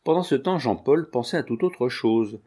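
A man reading a classic novel aloud in a measured, expressive narration. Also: mid-range voice, husky. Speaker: audiobook reader. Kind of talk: scripted narration.

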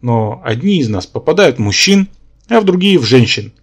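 A man's voice: medium pitch, very animated, normal speed, breathy edge. A man voicing a pedantic, lecturing male spirit symbiont who lives in the hero's head. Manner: lecturing, matter-of-fact.

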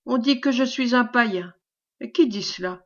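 A woman reading the lines of a servile, scheming man who flatters in a caressing, obsequious tone, in a storybook reading. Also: fairly high pitch, moderate pace, lo-fi sound, natural voice. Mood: fawning. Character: fawning, sly male schemer, servile and unctuous.

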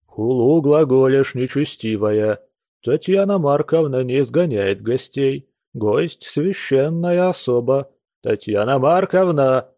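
A man's voice: mid-range voice, animated, slow, warm tone, dry recording, studio quality. A man voicing a maudlin drunken old house guest. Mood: drunken pleading. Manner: wailing, churchy pompous phrasing.

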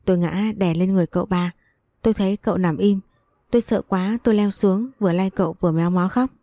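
A woman's voice: mid-range voice, fairly even intonation, fast, warm tone, dry recording, studio quality. A woman narrating a first-person story, voicing the dialogue as she goes.

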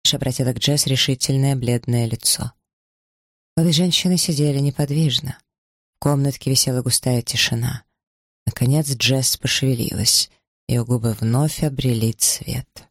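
A man narrating a novel as an audiobook, in a measured, literary reading. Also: mid-range voice, steady tone, dry recording, studio quality.

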